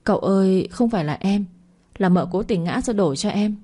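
A woman's voice: medium pitch, a little fast, dark tone, slightly rough, natural voice. A woman voicing a brash young housemaid. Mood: pleading. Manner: rude, then pleading. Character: young female maid, brash and defiant.

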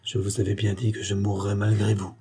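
A man reading the part of a proud, doomed young noblewoman who speaks in a gentle yet firm, grave way. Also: mid-range voice, moderate pace, breathy edge, voice pushed up, close to an everyday voice. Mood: faint.

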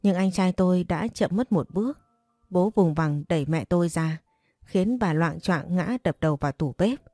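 A woman tells a first-person story in a steady, subdued voice. Her tone is low and mellow, and the recording is dry. Soft music plays faintly beneath the narration. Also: moderate pace, no room sound. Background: faint background music.

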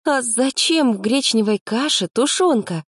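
Lady voicing a bratty young girl camper, squeaky high, always huffy, storybook reading. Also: lively intonation, measured pace, breathy edge, no room sound, studio quality. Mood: indignant. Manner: indignant, whiny. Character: petulant sharp-tongued young woman camper.

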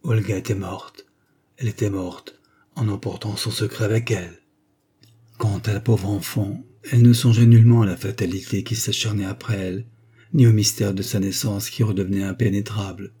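A man narrating a classic novel in a steady, measured reading. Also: lowish voice, husky. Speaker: audiobook narrator.

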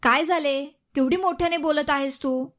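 A woman's voice: high voice, moderate pace, fairly bright tone. A woman voicing a nagging middle-aged mother. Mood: scolding. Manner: scolding, questioning.

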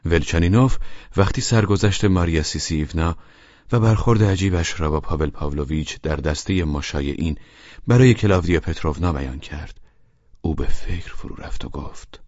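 A man narrating a literary audiobook in a measured, steady reading voice. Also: deep voice, dry recording, muffled recording.

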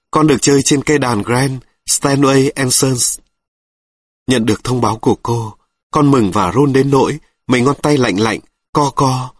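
Man, husky voice, measured reflective narration, dry close sound. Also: mid-range voice, no room sound. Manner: slow, measured, reflective reading. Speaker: reader of an audiobook. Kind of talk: scripted narration.

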